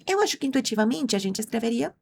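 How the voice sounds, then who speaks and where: This high, very animated voice moves at a quick pace, and the recording carries a little hiss or hum. The speaker is a woman whose first language is Spanish, giving an online Portuguese lesson where she patiently walks through conjugation drills and asks viewers questions directly.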